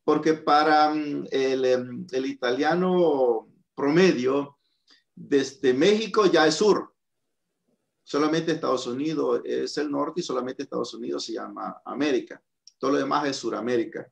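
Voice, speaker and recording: A man's voice: medium pitch, unhurried, gravelly. A man from El Salvador, a guest in a casual panel chat over a video call, explaining at length and addressing the audience directly. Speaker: guest commentator.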